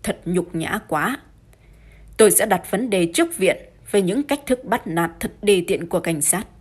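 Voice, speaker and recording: A woman's voice: lowish voice, moderate pace, slightly rough. A woman reading as an indignant blustering rich man. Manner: angry, loud and huffy.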